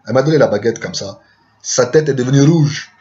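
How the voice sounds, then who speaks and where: A man's voice: mid-range voice, a little fast, warm tone, dull audio. A man telling a rambling comic story, full of chatty asides and word-play.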